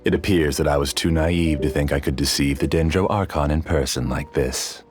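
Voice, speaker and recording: An actor playing a polite, scheming researcher villain in a video game, theatrical and measured. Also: male voice, rumbling low, steady tone, music in the background. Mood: intrigued, smug. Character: courteous, scheming male researcher villain, husband, calmly arrogant.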